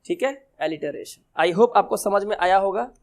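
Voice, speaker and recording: High-voiced man teaching exam prep. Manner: asks questions and answers them himself, reads English lines slowly.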